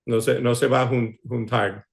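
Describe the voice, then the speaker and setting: A man's voice: medium pitch, flat delivery, normal speed, vocal fry. A man who is a pastor teaching a Greek class, speaking patiently with many hesitations. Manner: patient, hesitant, fillers and restarts. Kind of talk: online class lecture.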